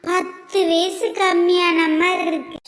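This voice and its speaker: High cartoon older village woman, voiced by a performer, sing-song and mocking, echoey room. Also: little pitch movement, measured pace, fairly bright tone, full character voice. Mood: teasing. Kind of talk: cartoon comedy voice acting. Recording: echoey, with music behind.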